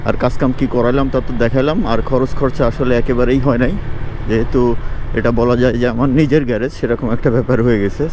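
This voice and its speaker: A man's voice: mid-range voice, noisy background. A man from Bangladesh, a motorcycle vlogger, talking bluntly and plainly and mixing in English phrases. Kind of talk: casual vlog talk. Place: outdoors on a city street.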